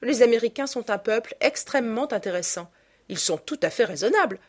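A woman's voice: fairly high pitch, lively intonation, a little fast, husky, pitched above the performer's own voice. A woman voicing a pompous male politician who lectures with self-assurance. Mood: lecturing. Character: pompous radical male politician, stuffy and earnest.

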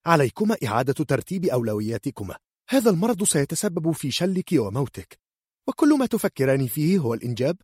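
A shrewd young healer girl, put on by a male storyteller, her voice lifted a little above his own, cool and quick. The tone is husky and dry, with close, unechoing sound. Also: on the low side, big pitch swings, dark tone, no echo, voice pushed up. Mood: stern. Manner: cool, matter-of-fact and bargaining.

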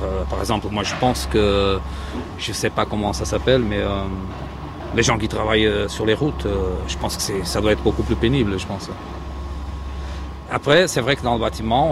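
A man's voice: fairly low pitch, vocal fry. A man from Portugal, a construction site supervisor, answering interview questions in a hesitant way, full of fillers and restarts. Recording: street noise and traffic behind.

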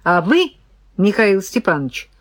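A woman's voice: medium pitch, sing-song, measured pace, dry recording. Reader doing a no-nonsense lady taking charge, firm, dry recording. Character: brisk practical woman calming a quarrel.

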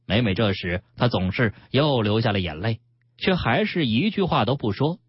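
A man, hosting a radio health show and reading a story aloud with calm, expressive storytelling. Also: mid-range voice, normal speed, husky, dry recording. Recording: dull radio broadcast.

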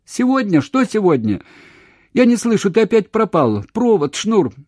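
A man's voice: mid-range voice, big pitch swings, a little slow, mellow, slightly rough, dry recording, clean studio sound, voice pushed up. A man voicing a tearful, frantic aging woman pleading over a phone line in a story he reads aloud. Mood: frantic shouting. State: crying.

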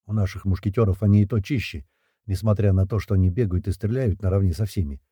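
A man narrating a first-person story in a lively, wry, slangy way. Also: fairly low pitch, fast talker, breathy edge, no room sound. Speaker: audiobook narrator.

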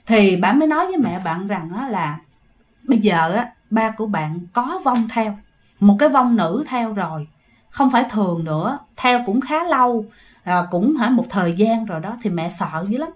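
A woman with a medium-pitched, animated voice tells a ghost story at a moderate pace. It's casual storytelling, chatty in tone, and she often speaks straight to her listeners.

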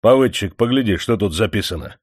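A man's voice: fairly low pitch, animated, brisk, no echo, studio quality. A man reading an audiobook who voices a greedy, hypocritically pious factory manager, scolding and mocking the workers. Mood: scornful. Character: pompous sanctimonious male factory manager, greedy. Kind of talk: audiobook character voice.

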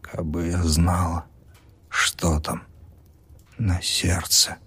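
Man doing a sick peasant woman, feverish, wary, faint breathy whisper, husky and low. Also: fairly even intonation, slow pace, mellow, exaggerated voice. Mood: weak whisper.

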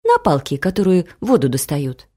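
Brisk practical young woman, read by a woman. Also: on the low side, huge pitch swings, mellow, husky, full character voice. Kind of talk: audiobook character reading.

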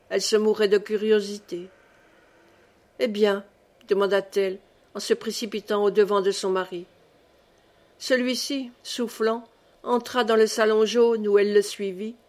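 A woman narrating a classic novel as an audiobook, reading at a measured, even pace. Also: medium pitch. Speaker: audiobook reader.

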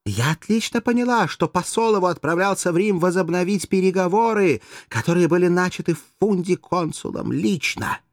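Мужчина озвучивает молодую коварную куртизанку, театрально, с мольбой и надрывом, в аудиокниге. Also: male voice, normal speed, warm tone, no room sound, clean studio sound, close to an everyday voice. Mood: impassioned. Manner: shrill, pleading, theatrical. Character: scheming young female courtesan, passionate, manipulative. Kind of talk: audiobook character voice.

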